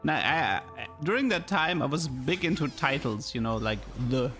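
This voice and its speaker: A man's voice: medium pitch, big pitch swings, moderate pace, a bit bright. German-accented male streamer over music. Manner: thinks aloud, repeats words. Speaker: game streamer. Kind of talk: casual live gameplay commentary and chat.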